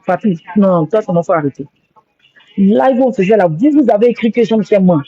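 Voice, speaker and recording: Woman going on and on in a live stream, emotional, repeats herself a lot, mellow voice, muffled phone sound. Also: medium pitch, expressive, a little fast, breathy edge, no echo. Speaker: social media livestreamer. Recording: dull lo-fi phone audio.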